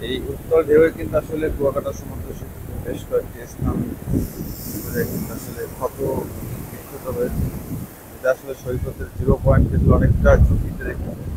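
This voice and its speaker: A man with a Bangladeshi accent gives live on-location commentary as a reporter, speaking in halting, repetitive short bursts outdoors on a beach. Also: medium pitch, steady tone. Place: outdoors on a windy sea beach. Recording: very loud wind and waves on mic. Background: wind, surf noise.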